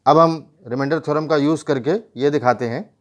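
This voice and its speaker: Slightly high and a bit fast, this man's voice carries a whiteboard math lesson. He's a teacher who explains each step, asks questions he doesn't expect answered, and mixes in English mathematical vocabulary.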